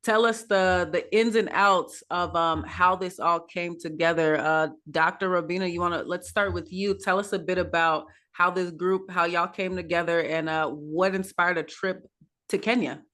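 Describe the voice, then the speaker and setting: A woman's voice: on the low side, steady tone, normal speed, a bit bright. Upbeat woman hosting a video call panel. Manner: upbeat, loose, many fillers. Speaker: host. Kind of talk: online panel talk show hosting.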